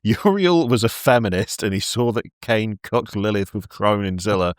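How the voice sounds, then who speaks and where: A man's voice: fairly low pitch, animated, normal speed, no room sound, studio quality. A man hosting a podcast, retelling lore in casual chat and laughing often mid-sentence. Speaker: podcast host narrating lore.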